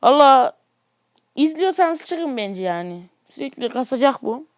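High-voiced excitable male gameplay commentator. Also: unhurried, no echo, clean studio sound. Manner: excitable, grumbling at the game, chatty asides to viewers. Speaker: gaming YouTuber. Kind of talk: casual mobile gameplay commentary.

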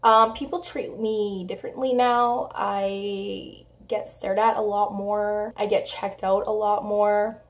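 A young woman talks straight to her camera at home, blunt and chatty, with plenty of swearing and "like" fillers. She is getting over a cold, so her voice has a hoarse, smoky edge, while her pitch sits in an ordinary middle range. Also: flat delivery, slow. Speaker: vlogger. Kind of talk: casual vlog talk to camera.

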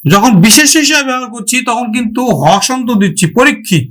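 A man's voice: very high voice, lively intonation, fast, a bit bright. A man teaching a grammar lesson for exam preparation, asking his students rhetorical questions and sounding out words syllable by syllable.

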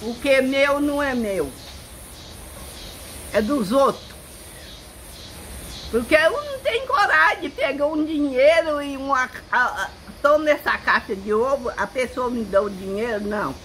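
A woman in her nineties with a rural Brazilian accent, chatting casually in an animated, exclaiming way. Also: high voice, normal speed. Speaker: elderly villager being visited. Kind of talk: casual chat. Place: open porch and kitchen of a rural house. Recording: noisy handheld outdoor recording.

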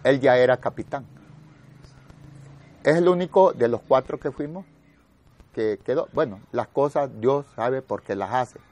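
A man in his sixties with a Salvadoran accent, an army veteran telling his story lively and acting out the voices of others. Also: mid-range voice, a little slow, pauses often. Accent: Salvadoran Spanish. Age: 60s. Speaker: war veteran interviewee. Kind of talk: spoken war memoir.

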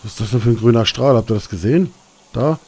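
A man's voice: medium pitch, fast, warm tone, slightly rough. A man giving casual gameplay commentary, muttering and cursing while sneaking through a game. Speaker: let's play streamer.

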